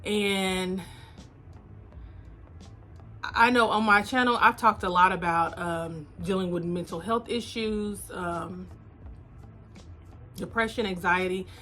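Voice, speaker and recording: Woman in her thirties, vlogger, candid casual chat, mid-pitched voice, soft music underneath. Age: 30s. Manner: candid, unhurried, addresses viewers as y'all. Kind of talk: casual confessional chat to viewers. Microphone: phone camera.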